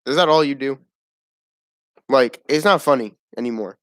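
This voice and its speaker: Man, casual review, blunt, rambling, swears a lot, average pitch, dry close mic. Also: moderate pace, fairly bright tone, clean tone, dry recording. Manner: rambling, blunt, swears often, laughs at the show. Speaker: wrestling show reviewer.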